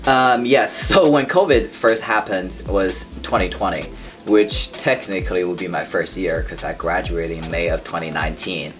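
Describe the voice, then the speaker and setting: A man's voice: low-pitched, normal speed, faint music behind. A man in his twenties, a real estate agent, talking casually in a podcast interview and laughing often. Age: 20s. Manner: relaxed, laughs often, fillers.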